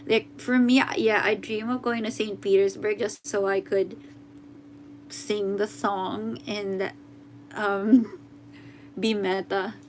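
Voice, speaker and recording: A woman's voice: mid-range voice, flat delivery, slight background noise. Chatty Filipino woman on a livestream. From Philippines. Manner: chatty, switches between English and Tagalog, often halting and unsure. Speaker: musician hosting a livestream. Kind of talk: casual livestream chat reading comments.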